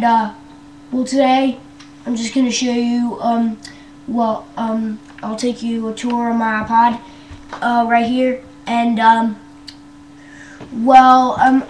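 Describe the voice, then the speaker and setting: A young woman from Canada giving a casual vlog tour of her device, hesitant and full of ums and wells. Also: a little high. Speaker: vlogger. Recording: roomy echo with faint hum.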